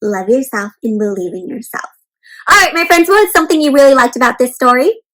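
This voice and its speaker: Over soft background music, a woman with a high-pitched, animated voice reads a storybook to young children at a brisk pace, her tone fairly bright. As their read-aloud host, she reassures and encourages them, often breaking off to explain simply and check in.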